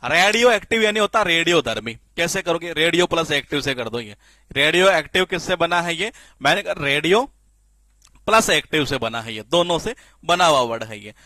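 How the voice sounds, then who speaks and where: A man teaching spelling in a classroom-style lecture, lively and repetitive, often asking the class questions and answering them himself. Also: on the high side, moderate pace, no echo. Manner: lively, repeats questions to the class, frequent filler "ye".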